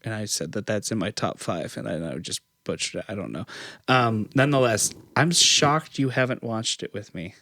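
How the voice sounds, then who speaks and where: Low-voiced rambling podcast host. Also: male voice, moderate pace, bright, forceful tone, no echo, clean studio sound. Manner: rambling, many fillers and restarts. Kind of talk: casual chat.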